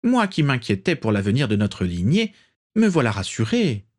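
A man's voice: mid-range voice, wildly swooping pitch, moderate pace. A man voicing a haughty, imperious old aristocratic witch in an audiobook. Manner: imperious, condescending.

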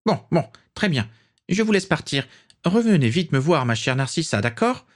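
A man puts on an old aristocratic witch who speaks from well above his own voice, imperious and condescending. Her lines swoop and rise with lively disdain in this audiobook reading. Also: on the high side, normal speed, voice pushed up. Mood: haughty.

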